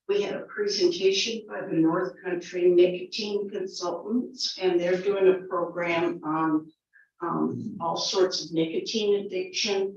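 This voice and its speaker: Hoarse woman legislator, slow and halting committee report, distant mic in an echoey room. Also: lowish voice. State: losing her voice. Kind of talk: formal meeting report. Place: county legislature meeting room. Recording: dull, echoey chamber audio from a distant mic.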